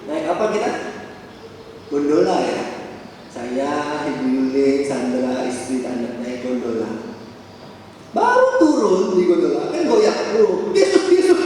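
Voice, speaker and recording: A man preaching a sermon as pastor, lively and full of rhetorical questions. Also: high-pitched, slight background noise. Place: church hall. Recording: echoey church hall from far off.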